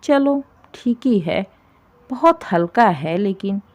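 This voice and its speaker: A shrill, taunting older mother-in-law, as a woman storyteller puts her on, her voice pushed up high and loud. She nags and complains with a grasping, sharp tongue, like a figure in a spoken family drama storybook. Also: sing-song, measured pace. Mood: grudging.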